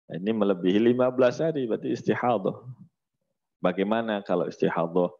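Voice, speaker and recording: A man's voice: lowish voice, brisk, gravelly, lo-fi sound. A male religious teacher giving a lesson with jokes, mixing Arabic recitation with casual, teasing talk. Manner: lively, teasing, mixes Arabic recitation with colloquial speech.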